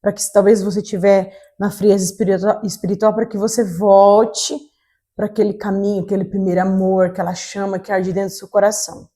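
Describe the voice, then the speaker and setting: Woman on a church podcast, mellow dark voice, encouraging, kinda preachy. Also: mid-range voice, level tone, brisk. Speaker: podcast co-host.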